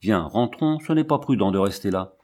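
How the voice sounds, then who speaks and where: A man's voice: fairly low pitch, animated, moderate pace, dark tone, natural voice. A man reading the part of a nervous young accomplice who talks in an urgent, coaxing way.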